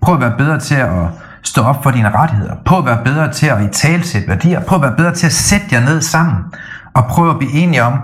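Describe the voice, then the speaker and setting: A middle-aged man co-hosting a podcast, talking in a casual, animated way that often stumbles and restarts. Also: mid-range voice. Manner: animated storytelling with frequent restarts. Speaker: podcast co-host. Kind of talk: casual chat.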